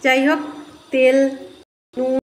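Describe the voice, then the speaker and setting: A middle-aged woman, hoarse from a cold, chatting homely to viewers as she cooks fish in her kitchen. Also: high voice, flat delivery, slow pace, a little hiss or hum. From Bengal. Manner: chatty, homely, talks to viewers while cooking. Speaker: cooking vlogger. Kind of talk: casual cooking commentary. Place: home kitchen.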